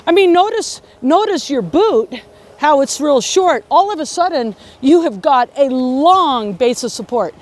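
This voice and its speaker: A high-voiced woman teaches beginners to ski outdoors, a little slowly and with lively intonation. She walks through each step encouragingly, checking in with short questions such as "okay" and "right," while faint background noise comes through.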